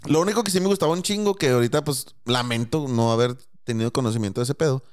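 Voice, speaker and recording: Man, Mexican accent, quick slangy banter, podcast host. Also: medium pitch, a little mellow. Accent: Mexican Spanish. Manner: crude slang-heavy banter with laughs. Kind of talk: casual chat.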